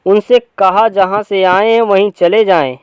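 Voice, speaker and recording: A man's voice: sits high, steady tone, measured pace, clear, resonant tone, no room sound. A man reading a grieving, bitter young husband. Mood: exasperated. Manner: outbursts of shouting between tired lines. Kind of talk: reading a play aloud.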